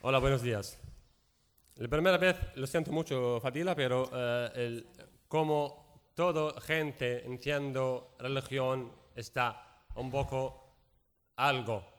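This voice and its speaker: A man from Syria, a native Arabic speaker with a Syrian accent, giving public testimony as a guest speaker in halting, broken speech with repeated words and searching pauses. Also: medium pitch, fairly even intonation, fairly bright tone, smooth. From Raqqa region, Syria. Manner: halting, broken Spanish with frequent repetitions and word searching.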